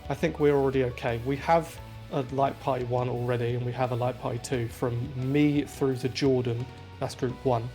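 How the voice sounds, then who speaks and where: A man in a group voice chat lays out raid positions in a methodical, patient way, one step at a time. His voice sits at an ordinary middle pitch, with soft game music playing faintly underneath. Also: steady tone, normal speed, hardly any pauses. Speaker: raid leader.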